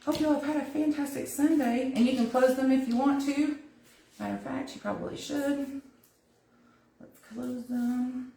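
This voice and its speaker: A woman's voice: sits high, fairly even intonation, moderate pace, warm tone, roomy sound, a little hiss or hum. A woman with a Southern US accent from North Carolina, hosting a live craft tutorial and chatting with viewers while she gives step-by-step instructions. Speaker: craft host.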